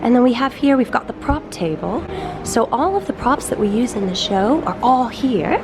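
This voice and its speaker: A woman's voice: a little high, expressive, moderate pace, noisy background. A woman vlogger giving a bubbly, enthusiastic backstage tour.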